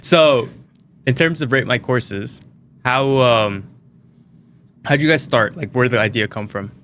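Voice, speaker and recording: A man hosts a student podcast, opening the episode and asking questions in a loose, upbeat way, dropping quick "yeah"s as his guest talks. His voice is mid-pitched, with a faint hiss in the background. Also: fairly bright tone. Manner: casual, upbeat, frequent short acknowledgements. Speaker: podcast host. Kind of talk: interview hosting.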